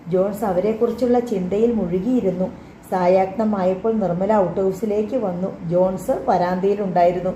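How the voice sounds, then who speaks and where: Mellow-voiced woman narrating a novel. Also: medium pitch, slight background noise. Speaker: audiobook narrator. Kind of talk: scripted narration. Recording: roomy, slightly dull recording.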